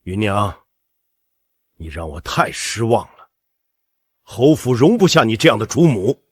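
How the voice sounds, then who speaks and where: 侯府老爷，嗓音低沉粗哑，话语冷硬却透着懦弱；录音干净贴近，没有混响。. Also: male voice, fairly low pitch, big pitch swings, a little slow, slightly rough, dry recording, studio quality, heavily acted. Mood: stern. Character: weak-willed middle-aged noble lord, easily swayed. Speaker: actor. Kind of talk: costume short drama acting.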